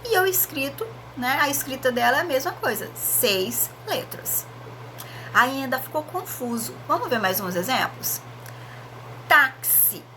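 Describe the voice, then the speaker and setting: A Brazilian woman teacher records a lesson for her students. She speaks slowly and carefully in a bright, rather high voice. She sounds out letters one by one and keeps checking in with short tag questions, with faint ambient noise behind her. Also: very animated.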